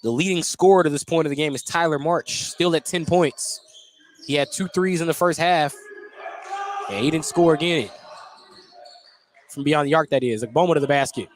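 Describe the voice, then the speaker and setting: This man does live radio play-by-play of basketball from courtside in an indoor gym, his pitch fairly high and his pace moderate with long pauses. Gym noise and the thump of a basketball are audible behind him.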